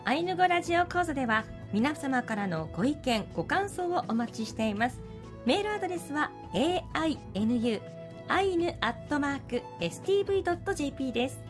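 A woman announcing for a radio program, reading a brisk, polite, scripted message. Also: high voice, sing-song. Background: music.

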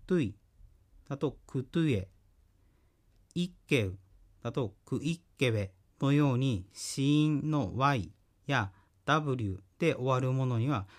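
A man teaching a radio language course, explaining grammar slowly and carefully with frequent pauses. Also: medium pitch. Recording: radio broadcast.

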